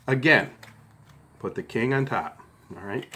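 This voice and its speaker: A man's voice: on the low side, lively intonation, moderate pace, fairly bright tone, slight background noise. A middle-aged man talks through a hands-on tutorial step by step in a casual, conversational way, often checking in as he goes. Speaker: card trick instructor.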